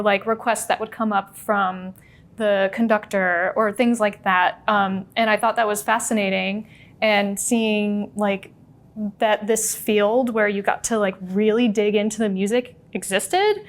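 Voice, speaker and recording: A woman's voice: medium pitch, unhurried. Chatty young woman, lots of likes. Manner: relaxed, chatty, with frequent um and like. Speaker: assistant music librarian. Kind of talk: casual interview answers.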